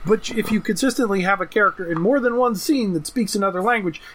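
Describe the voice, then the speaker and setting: A man co-hosting a podcast in casual chat, talking in a lively way and often restarting his words. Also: high voice, fast, a little hiss or hum. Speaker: podcast co-host.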